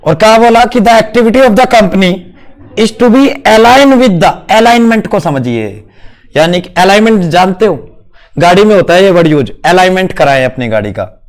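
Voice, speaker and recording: High-voiced man teaching a class. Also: animated, a little slow. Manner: playful, quizzing students, mixes in English terms. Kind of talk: classroom lecture. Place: classroom with students.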